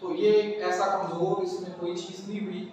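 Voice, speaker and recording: A man giving a classroom religious lecture, animated, asking his listeners rhetorical questions and mixing in English words. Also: sits high, normal speed. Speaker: Islamic lecturer teaching a class. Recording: echoey hall, distant mic, faint background noise.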